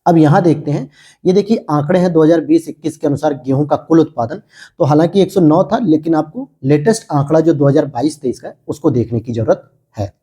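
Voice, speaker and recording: Husky-voiced man quizzing and answering himself. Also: fairly high pitch, a little fast, mellow. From India. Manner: asks questions then answers them himself. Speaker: exam coaching teacher. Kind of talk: exam prep lecture.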